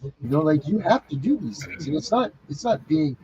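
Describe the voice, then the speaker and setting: A man hosting a podcast in an animated, jokey way, over dull lo-fi audio. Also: on the high side, moderate pace, crowd noise. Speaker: podcast host. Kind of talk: casual chat.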